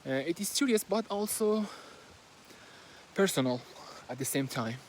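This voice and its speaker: Walking outdoors, a Persian-accented book reviewer, Persian being his native tongue, gives a casual, halting summary of a book with many fillers and restarts. His voice leans high, with lively intonation and an unhurried pace. A plain handheld phone recorded it, and there's slight background noise.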